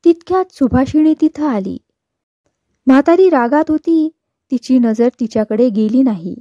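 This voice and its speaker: Narrator, woman, higher pitch, mellow tone, dry close sound, steady storybook reading. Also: normal speed, dry recording. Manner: steady, even storytelling with quoted dialogue. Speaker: novel reader. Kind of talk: scripted narration of a novel.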